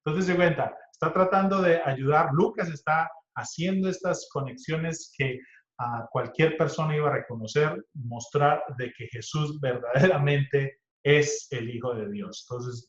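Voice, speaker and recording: A man lectures on scripture over a live online call, his voice fairly high. He explains point by point, often restarting and repeating words. The audio is echoey and dull, recorded on a computer mic. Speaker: Bible study lecturer.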